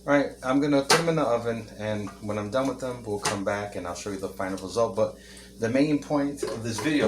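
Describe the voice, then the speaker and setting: A man with a fairly low voice talks his way through a home cooking demonstration in an easygoing, joking manner. He is recorded on a camera mic in his kitchen, with faint clinking of dishes and pans behind him. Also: noisy background. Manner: chatty, joking, talks while eating. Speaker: home cooking video host. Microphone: camera mic, no camera operator.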